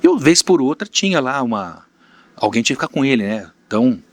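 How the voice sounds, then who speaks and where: A man's voice: mid-range voice, sing-song, quick pace, no echo. A man from Brazil, a podcast guest and mentor, telling candid stories of his businesses in casual interview talk. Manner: storytelling, plain-spoken, candid.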